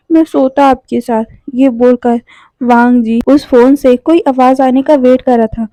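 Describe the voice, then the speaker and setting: A woman narrating a fan-fiction story in a steady, expressive storytelling way. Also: high voice, no room sound.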